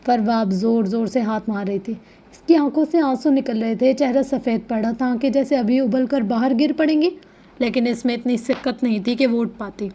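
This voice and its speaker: A woman reading a dramatic romance novel aloud in a steady storytelling manner. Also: on the high side. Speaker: novel reader.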